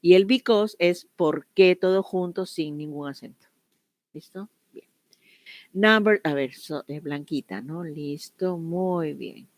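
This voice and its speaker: A woman's voice: on the low side, slow, a little mellow, no room sound. Woman teaching an online English class. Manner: explains step by step, switching between Spanish and English examples.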